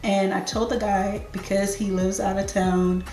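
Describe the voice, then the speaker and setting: A Jamaican lifestyle YouTuber in her thirties chats casually and unhurriedly through a get-to-know-me Q&A for her channel, laughing easily. Her medium-pitched voice is warm with little pitch movement and a slightly slow pace. The recording is reverberant.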